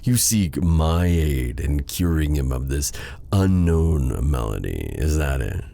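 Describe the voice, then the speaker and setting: A man playing a sly, menacing, seductive dark sorcerer in an ASMR fantasy roleplay, with a breathy, gravelly voice and a theatrical, teasing, silky delivery. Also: a bass voice, expressive, takes it slowly, heavily acted. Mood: curious, probing. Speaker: voice actor.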